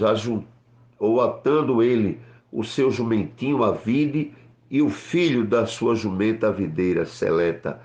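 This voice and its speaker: A man, a rabbi, teaching from scripture, explaining slowly and checking in with his listeners as he spells out words letter by letter. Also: fairly low pitch, a little mellow, echoey room, lo-fi sound.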